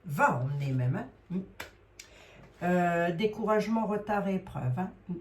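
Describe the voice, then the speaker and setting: A woman's voice: lowish voice, a little slow. A middle-aged woman with a Lorraine accent, doing a card reading in a hesitant, rambling way, with many fillers. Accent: Lorraine French. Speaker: psychic card reader.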